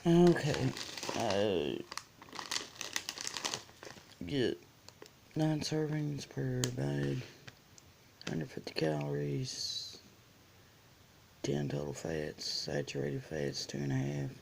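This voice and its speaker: Casual snack reviewer, heavy vocal fry, slow halting delivery, noisy recording with crinkling and clicks. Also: mid-range voice, very animated. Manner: halting, reads item by item with pauses.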